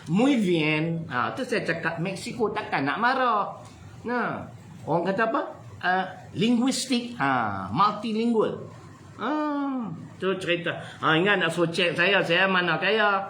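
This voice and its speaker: A man with a Malaysian Malay accent giving a lively, humorous religious lecture to an audience. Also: sits high, a little slow, echoey room, slight background noise, rough recording. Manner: animated, jokey, switches between loud and soft. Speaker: preacher.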